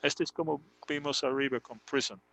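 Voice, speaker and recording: A man teaching in on a live stream, explaining slowly and patiently with many fillers. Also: mid-range voice, steady tone, gravelly, fairly bright tone, dry recording, poor audio. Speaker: English teacher. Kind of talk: live online English lesson in Spanish.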